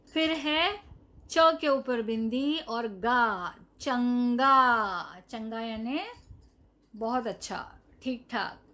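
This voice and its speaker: Slow, patient woman teaching young children. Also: a little high, fairly bright tone. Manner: slow, drawn-out, repeats each word and its meaning; addresses the children directly, asking them to say the word. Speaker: primary school Hindi teacher. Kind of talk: recorded lesson for young children.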